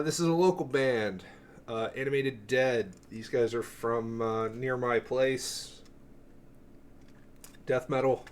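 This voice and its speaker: Here a man with a medium-pitched voice casually walks through his cassette collection, rambling, cursing often, and interrupting himself mid-thought. There's slight background noise in the clip.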